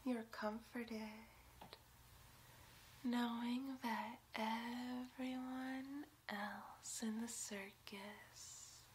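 A woman in a soft, breathy ASMR role-play as a gentle, protective circus clown ringleader, speaking in a soothing, hypnotic way. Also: fairly high pitch, fairly even intonation, a little hiss or hum. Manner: soothing, hypnotic, drawn-out phrases. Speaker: ASMR performer. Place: indoors against a plain wall, close to the camera.

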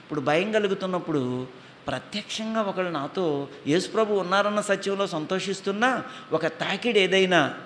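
A man preaching a sermon with a Telugu accent, reciting slow dramatic English lines, then explaining them and acting out voices in his stories. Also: high voice, fairly bright tone, a little hiss or hum. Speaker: pastor. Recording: echoey hall with faint ambience.

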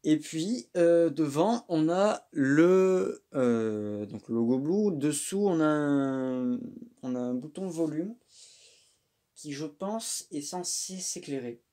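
A man's voice: on the high side, takes it slowly. A man chatting casually and joking at his own expense as he unboxes a microphone, recorded on a phone indoors. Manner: relaxed, chatty, self-mocking. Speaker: tech unboxing vlogger.

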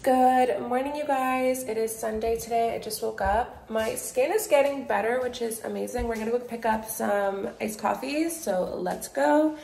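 A woman's voice: on the high side, normal speed, vocal fry, hardly any pauses, darkish tone. Bubbly young woman vlogging on camera. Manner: bubbly, gushing, filler-heavy. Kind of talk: casual vlog chat. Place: car and shops, indoors. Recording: echoey room with faint ambient noise.

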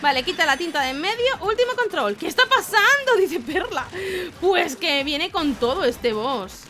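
A woman from giving excitable let's-play commentary, shrieking and laughing as she plays. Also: extremely high pitch, normal speed. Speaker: gaming YouTuber. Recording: game music loud under the voice. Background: game music.

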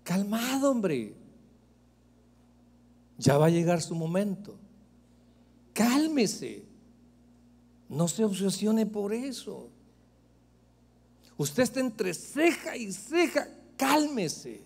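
Pastor guy preaching, high voice, jokey and punchy, long church echo. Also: sing-song, drawn-out words, vocal fry, long pauses, a little mellow, slightly rough. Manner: emphatic, joking preaching that addresses the congregation directly. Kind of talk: sermon. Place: church sanctuary.

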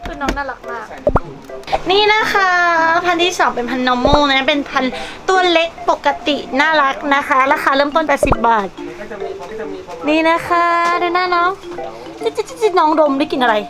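In a bubbly pet showcase vlog, a woman with a high voice talks at a moderate pace, moving between sales patter and baby talk. Her delivery is playful, gushing and cutesy as she presents the pet shop, and background music plays behind her.

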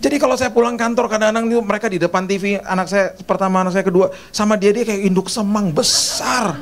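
A man's voice: high-pitched, steady tone, fast. A middle-aged man preaching in a church service, telling chatty, jokey anecdotes. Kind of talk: humorous sermon storytelling.

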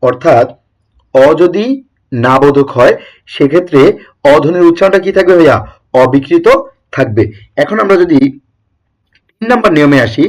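Young man, rapid teacher, slightly high voice, asks and answers his own questions. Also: darkish tone. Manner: quizzes himself with rhetorical questions. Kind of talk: exam-prep lesson.

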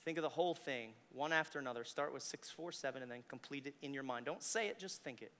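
A man's voice: mid-range voice, fast, bright, forceful tone, slight background noise. A man performing a live mind-reading stage show, intense and commanding as he gives instructions to audience members. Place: large hall with audience, on a microphone. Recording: echoey hall, long reverb on stage microphone.

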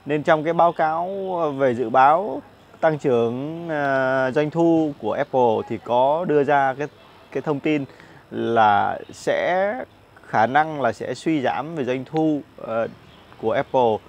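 A man's voice: mid-range voice, unhurried, dull audio. A man in his thirties giving casual stock market commentary outdoors on a lapel mic, chatty and full of fillers and repeated words. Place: outdoor cafe patio with plants.

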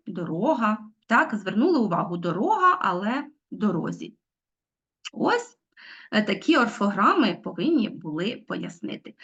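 Lively teacher woman, dull lo-fi audio. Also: mid-range voice, husky. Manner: explains step by step, asks pupils questions. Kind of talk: recorded online lesson. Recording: dull lo-fi sound.

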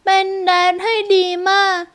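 A woman voicing a sweet, pleading little girl of about four in a Thai audiobook, with a high, sing-song child voice. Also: a little slow, a bit bright, natural voice.

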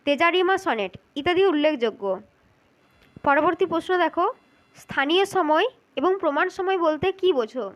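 Woman, very high voice, spoken lesson, methodical, repeats key points, addresses listener. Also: fairly bright tone. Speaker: teacher for exam interview prep. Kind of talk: spoken lesson explaining exam answers.

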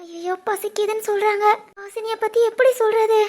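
A woman voicing a timid young wife in an animated family drama, anxious and pleading. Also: extremely high pitch, fairly quick.

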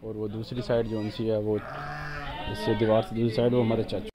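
A man's voice: on the low side, completely flat delivery, brisk, crowd noise. Young man vlogging around his farm. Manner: shows around, calls out loudly to animals and people. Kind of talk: casual vlog narration. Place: outdoor farmyard with animals. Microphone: handheld phone camera.

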